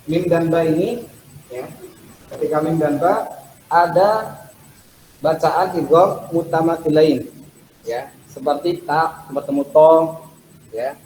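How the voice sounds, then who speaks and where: A male recitation teacher with a slightly raised voice, speaking very slowly and patiently as he drills letter sounds for students to repeat. The room is echoey, with a faint hiss of background noise. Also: on the high side, a little mellow. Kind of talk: Quran recitation class.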